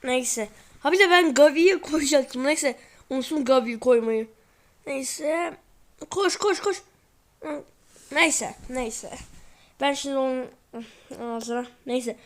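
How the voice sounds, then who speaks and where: High-voiced sleepy woman gaming chatter. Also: slow pace, long pauses. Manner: chatty, rambling, repeats "neyse" often. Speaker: gaming channel host. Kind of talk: casual football game commentary.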